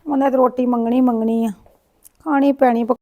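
A lonely old grandmother, played by a woman in a village drama, forever sighing and lamenting and muttering to herself. Her voice sits a little high for a woman of her years. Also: fairly even intonation, moderate pace, a little mellow, lightly acted. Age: older. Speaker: grandmother in a short film.

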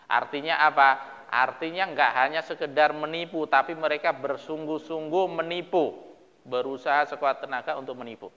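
An Indonesian man teaching Arabic grammar in a classroom, calling on students by name and chanting verses slowly. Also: on the high side, fairly even intonation, a bit bright, in a large hall, highs cut off. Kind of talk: classroom lesson drilling verb forms.

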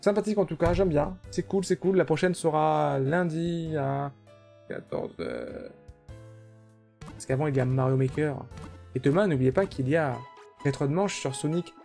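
A young French man streaming a video game and chatting casually, relaxed, with fillers and the odd swear word. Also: fairly high pitch, normal speed, vocal fry, soft background music. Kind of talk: casual chat.

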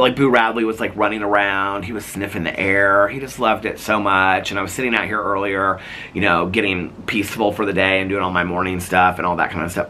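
A Midwestern American vlogger in his fifties rambles chattily to the camera from an outdoor porch, with many fillers and restarts. He's losing his voice, so it sounds crackly, though it sits low with a bright, forceful tone.

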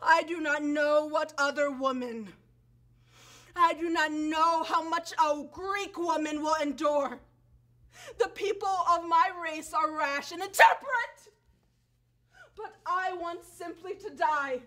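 A woman's voice: high voice, slow, sharp tone, full character voice. A young woman acting a wronged, vengeful foreign princess on stage, speaking with impassioned, tearful bitterness. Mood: anguished. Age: young adult. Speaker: student stage actor.

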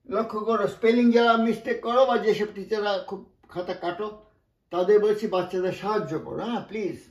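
A man's voice: sits high, roomy sound. A man from West Bengal teaching English pronunciation, patiently explaining word by word with frequent asides. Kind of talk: spoken classroom lesson.

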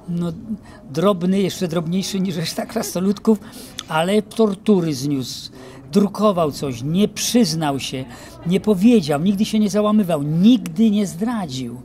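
A man in his sixties, an actor, being interviewed in an outdoor courtyard into a handheld mic, reminiscing with many pauses and fillers. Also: high voice, darkish tone, slight background noise. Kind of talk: casual interview. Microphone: handheld mic held by interviewer.

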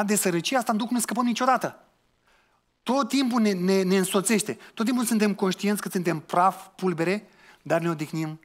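A man preaching a sermon, earnestly putting questions to his listeners and mixing in colloquial asides. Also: sits high. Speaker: pastor.

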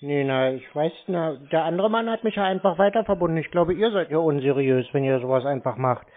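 Over a tinny phone line, a man baiting scammers plays dumb in a mock-naive way before turning mocking and irritated. His voice sits on the high side and moves fairly quickly.

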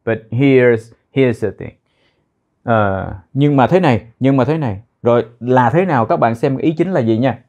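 A male teacher talks through a lesson at an even pitch. He slows down to repeat short phrases several times and breaks words into their sounds. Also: lo-fi sound. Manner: repeats phrases slowly, drills pronunciation. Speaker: English teacher. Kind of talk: explaining English phrases in a lesson.

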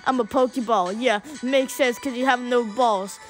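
A woman's voice: a little high, normal speed, lightly acted. A woman voicing a boastful talking Pokeball in a homemade comedic rap battle, trash-talking brashly over faint music. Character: cocky talking Pokeball object, boastful rapper.

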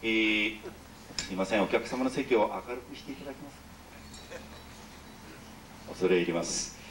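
A man's voice: on the low side, normal speed, background noise. A middle-aged man leading an audience sing-along on a ship's stage. He is jokey and overly polite, and he teases the crowd. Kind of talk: live stage banter with call-and-response singing. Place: ship's concert hall with an audience. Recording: roomy, distant live hall recording with music. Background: instrumental music.

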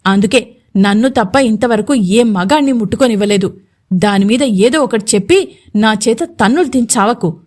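A woman voicing a domineering, jealous male landlord who threatens his servant, slow and emphatic. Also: on the high side, darkish tone, natural voice. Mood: bossy.

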